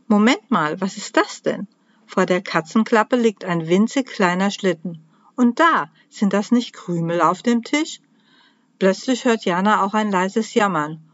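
A woman who writes children's books, reading a Christmas story aloud to children in a cheerful, lively way. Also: mid-range voice, measured pace, no room sound, highs cut off.

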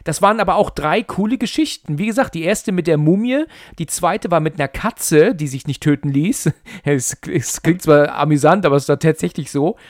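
A man in casual podcast chat, excitedly retelling a film plot, full of fillers and restarts. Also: fairly high pitch, moderate pace, hardly any pauses, dry recording, studio quality. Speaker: podcast co-host.

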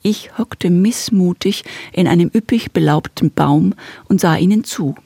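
Woman reading a kids story, lowish breathy voice, dry close sound. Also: measured pace, dry recording. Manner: calm, gently expressive, speaks as the elf. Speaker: narrator. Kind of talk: storybook narration.

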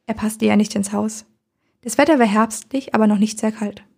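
A woman narrating a first-person story in a calm, even storytelling manner, with a gravelly, husky voice. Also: mid-range voice, normal speed.

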